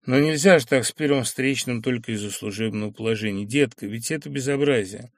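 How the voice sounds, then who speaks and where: A man's voice: medium pitch, no room sound, natural voice. A man doing a stern older professor. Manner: firm, measured, authoritative. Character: elderly professor, stern and commanding.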